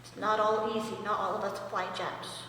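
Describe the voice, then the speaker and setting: A woman's voice: medium pitch, little pitch movement, moderate pace, a bit bright, slight background noise. A woman master sergeant giving an earnest, wry speech at her own promotion ceremony. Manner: earnest, wry, emotional at times. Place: large indoor hall. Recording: echoey hall, mic far off.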